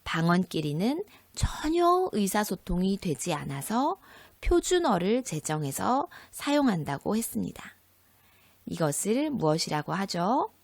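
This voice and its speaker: A woman high school teacher giving a recorded textbook lesson, explaining slowly and clearly and asking her students questions. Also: sing-song, no room sound.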